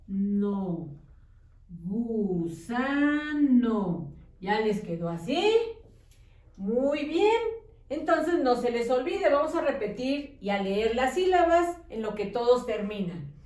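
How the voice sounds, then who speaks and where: A patient woman teacher dictates words slowly to young children, sounding them out syllable by syllable. Her fairly high voice rises and falls a lot. She is recorded from a distance in an echoey room. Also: sing-song, darkish tone. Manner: patient, slow, syllable-by-syllable dictation with check-in questions. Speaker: primary school teacher. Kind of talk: slow handwriting lesson for young children.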